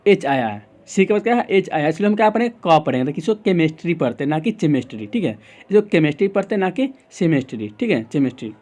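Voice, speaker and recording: Casting: high-voiced Indian man as tutor; poses a question, answers it, repeats the rule. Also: animated, fast talker, a little mellow. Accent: Indian English. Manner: asks the class questions and answers them himself, repeats rules. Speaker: English pronunciation teacher. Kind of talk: explaining lesson in Hindi.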